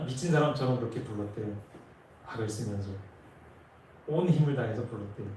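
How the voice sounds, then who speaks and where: A man's voice: medium pitch, darkish tone, a little hiss or hum. Male preacher, earnest storyteller, heard from a distance with strong church reverb. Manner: earnest storytelling, rising with emotion at key moments. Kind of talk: sermon storytelling. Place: church sanctuary. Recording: echoey church from far off.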